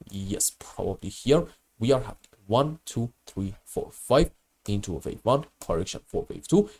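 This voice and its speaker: A man's voice: mid-range voice, dark tone, husky. A man with a grating voice from a bad cold, explaining chart analysis in an emphatic, instructional way. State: sick with a cold. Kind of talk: live chart analysis lesson.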